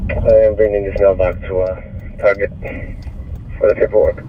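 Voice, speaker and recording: A man's voice comes through a two-way police radio in terse, clipped call-outs packed with code numbers. The sound is muffled and narrow, with loud road and engine noise running underneath it. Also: lowish voice, little pitch movement, normal speed. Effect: heard over a police two-way radio. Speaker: police officer on patrol.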